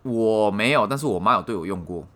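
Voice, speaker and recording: A man's voice: fairly low pitch, quick pace. A man, co-hosting a casual podcast chat and telling stories with lots of swearing and laughter. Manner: animated storytelling with frequent swearing and laughter. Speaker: podcast co-host.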